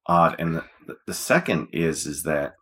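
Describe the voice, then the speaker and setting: A male podcast host with a low, raspy voice. He chats casually but presses his points with emphasis, often tagging them with a quick check for agreement. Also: expressive, a bit bright.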